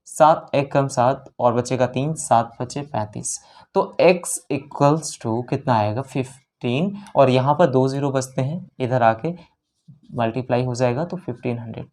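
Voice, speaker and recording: Working step by step through practice problems for an exam, a maths teacher keeps repeating numbers, checks in with "theek hai," and weaves English terms into the explanation. The voice has a medium pitch and a slightly mellow quality.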